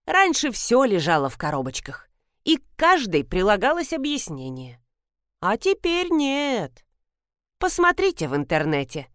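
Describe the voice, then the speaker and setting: A woman voicing a grumpy, half-deaf elderly woman pharmacist who scolds loudly and demands people speak up. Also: on the high side, wildly swooping pitch, a little slow, no echo, studio quality. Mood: scolding.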